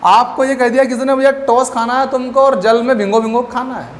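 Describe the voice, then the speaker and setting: High-voiced teacher, echoey room. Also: male voice, brisk. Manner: animated, asks questions and answers them himself. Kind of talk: classroom lecture with memory tricks. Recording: echoey room with faint background noise.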